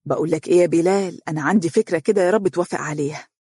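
A storyteller voicing a lively, teasing young wife in Egyptian dialect, pitching up to play her. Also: racing, husky, no room sound, close to an everyday voice. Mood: persuasive. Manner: bright, teasing, rising excited pitch. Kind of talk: storybook reading.

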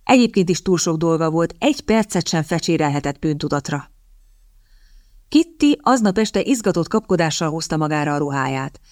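A woman narrating an audiobook in a calm, even storytelling manner. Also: deep voice, dry recording, clean studio sound. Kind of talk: scripted narration.

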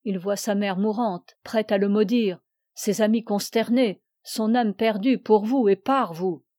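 Woman narrator voicing a grave older gentleman, measured, dry close sound. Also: mid-range voice, no room sound, close to an everyday voice. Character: calm stern older man, grey-bearded moralist.

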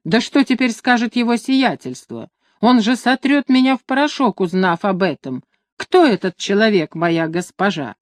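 A woman reading an audiobook, voicing a pompous, hot-tempered young nobleman with shrill, indignant outbursts. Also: animated, normal speed, no room sound, natural voice.

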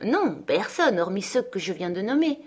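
A cold, sharp-tongued young woman of the house, as a woman reading a novel voices her. Her replies are short and cutting, read in a plain storybook manner. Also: medium pitch, big pitch swings, moderate pace, husky. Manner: curt, cutting.

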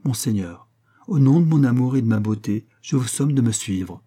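A man's voice: medium pitch, expressive, normal speed, mellow, lightly acted. A man reading aloud voices a flirtatious, laughing courtesan woman, with a teasing, dramatic delivery. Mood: pleading.

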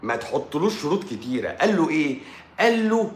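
An Egyptian man, a doctor hosting his own live stream, talking in an animated, sarcastic monologue and repeating points for emphasis. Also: a little high, fast, reverberant, slight background noise. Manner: sarcastic, mocks critics in a playful tone; repeats himself for emphasis with frequent stumbles.

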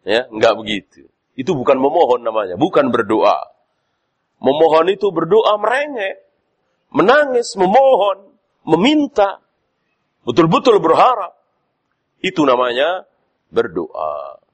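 A man giving a sermon as a preacher, lively in delivery with frequent "ya" and rising stresses. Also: fairly high pitch, measured pace, long pauses, slightly rough. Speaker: Islamic preacher.

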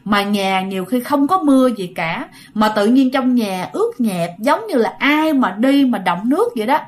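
A woman's voice: fairly high pitch, sing-song, moderate pace. A woman with a Southern Vietnamese accent casually narrating a ghost story, chatting directly to her listeners.

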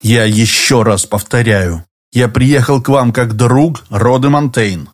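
A man reading an audiobook, voicing a calm, persistent lawyer who speaks evenly and deliberately. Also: mid-range voice, lightly acted. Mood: calm, insistent. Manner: even, deliberate and insistent.

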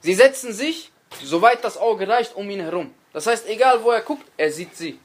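A man's voice: high voice, animated, moderate pace. A man giving a religious lecture, preaching earnestly, repeating key phrases and addressing his listeners directly, with dramatic stress on quoted speech.

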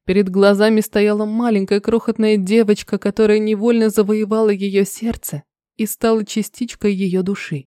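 A woman narrating an audiobook in a calm, measured reading voice. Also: mid-range voice, clean tone, no room sound, studio quality.

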